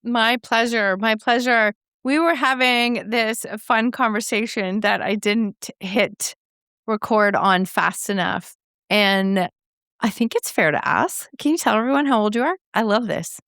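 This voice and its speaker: Gravelly-voiced enthusiastic woman podcast host. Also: fairly high pitch, a little slow, dry recording, studio quality. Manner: enthusiastic, warmly effusive. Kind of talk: podcast intro and interview.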